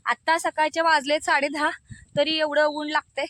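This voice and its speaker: A woman's voice: sits high, little pitch movement, normal speed, fairly bright tone, dry recording. A cheerful young woman chatting casually for her vlog outdoors under a mango tree, filming on a phone. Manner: cheerful, chatty, laughs often. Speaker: vlogger. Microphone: phone camera.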